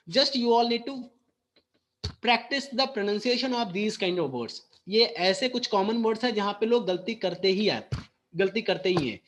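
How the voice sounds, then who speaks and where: Indian English teacher explaining patiently. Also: male voice, high-pitched, a bit bright. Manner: switches between Hindi and English, slow and deliberate explanations. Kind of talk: bilingual classroom teaching. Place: school classroom.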